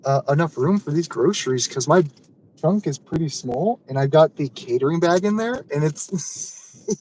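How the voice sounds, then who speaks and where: A man's voice: on the high side, animated, moderate pace, a little mellow, slight background noise, poor audio. A man chatting casually on a live stream while working deliveries, easygoing and chuckling, with frequent stammered restarts.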